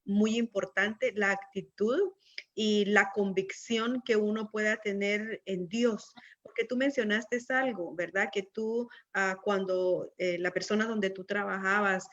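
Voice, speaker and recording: A woman's voice: mid-range voice, steady tone, unhurried, fairly bright tone. A woman hosting a church interview, talking reflectively and often adding tag questions. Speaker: host of church program. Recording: slightly dull lo-fi sound.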